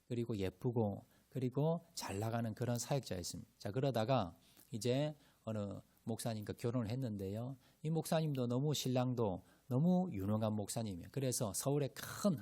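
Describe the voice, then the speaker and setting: A man's voice: medium pitch, mellow. A man preaching a sermon, telling a testimony in an earnest way with many fillers and growing emphasis. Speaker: pastor. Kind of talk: sermon storytelling. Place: church sanctuary.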